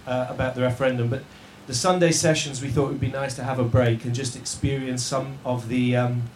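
Brief: male live-event host, mid-pitched, wry and stop-start, recorded in an echoey yurt. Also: a little mellow. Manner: jokey, halting, with many restarts and fillers. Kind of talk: live stage hosting to an audience. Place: yurt venue with a live audience. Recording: roomy tent echo, faint noise.

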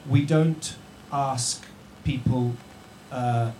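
A man hosting a live show to an audience in a yurt venue, jokey and halting, with many restarts and fillers. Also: mid-range voice, steady tone, warm tone. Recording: roomy tent echo, faint noise.

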